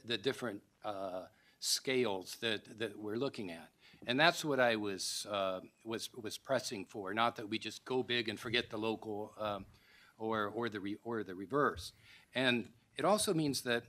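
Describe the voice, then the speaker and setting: Older guy on a panel, low bright voice, earnest, keeps restarting sentences. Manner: earnest, halting, with many restarts. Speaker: theology professor and panelist. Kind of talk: academic panel discussion. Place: seminar room with a panel table and audience. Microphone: table mic on a stand.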